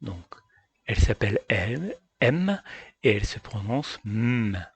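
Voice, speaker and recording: A man teaching a phonics lesson for young children, calmly addressing parents and carefully sounding out each letter. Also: mid-range voice, measured pace, vocal fry, slightly rough, no echo. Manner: addresses parents directly, calm and patient.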